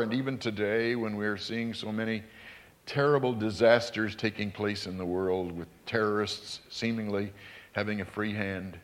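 Man preaching an emphatic sermon. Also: mid-range voice. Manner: measured, emphatic preaching with rising intensity. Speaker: pastor.

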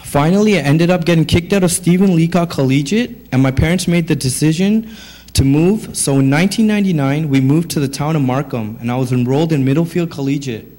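A man's voice: fairly high pitch, brisk, warm tone. A man in his thirties, born in Sri Lanka and raised in Canada, reading his personal testimony to a congregation. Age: 30s. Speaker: testimony speaker.

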